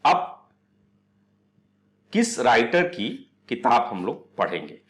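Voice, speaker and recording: A very animated man with a medium-pitched, fairly bright voice speaks slowly as he teaches astrology online. He works step by step, asking questions he then answers, and blends English words into his Hindi.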